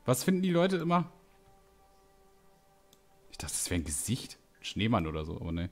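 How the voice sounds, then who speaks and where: A man's voice: lowish voice, wildly swooping pitch, moderate pace, faint music behind. A man giving casual gameplay commentary, chatty and joking as he reacts aloud. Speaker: let's play streamer.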